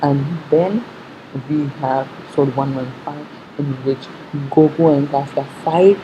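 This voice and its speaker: A fan giving casual commentary on an episode preview, haltingly thinking aloud, repeating and correcting themselves, on a muffled recording. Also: mid-range voice, dark tone, soft background music. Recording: muffled sound with faint background noise.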